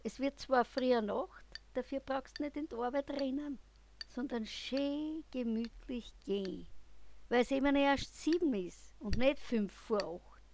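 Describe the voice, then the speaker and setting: Viennese lady reciting a dialect poem, kinda high voice, some noise behind. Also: measured pace, a little mellow.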